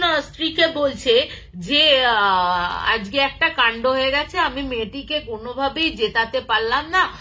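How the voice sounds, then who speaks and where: Telling a story informally and without a script, a woman speaks haltingly and conversationally, acting out the dialogue. Her voice is high-pitched with a sharp tone.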